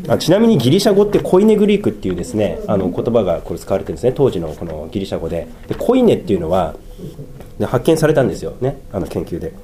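A man preaching a sermon. He drags out key phrases slowly for emphasis, then rushes through asides and sometimes laughs at himself. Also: medium pitch. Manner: animated, swings between slow emphatic phrases and quick asides, laughs at himself. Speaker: pastor.

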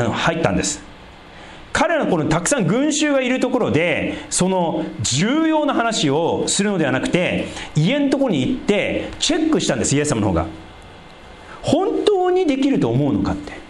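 A man preaching a sermon as a pastor, explaining scripture in a conversational way and dropping into a lower voice for asides. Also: echoey room, a little hiss or hum. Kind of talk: sermon, Bible exposition.

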